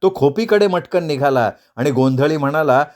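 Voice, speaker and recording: A man's voice: on the high side, lively intonation, normal speed, a little mellow. A man narrating a novel as an audiobook, telling the story dramatically.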